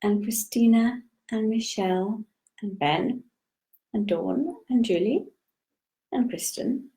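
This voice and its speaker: An older woman hosting a live spiritual session, talking gently and unhurriedly as she greets viewers and explains her topic. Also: fairly high pitch. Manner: slow, gentle, unhurried, with frequent pauses.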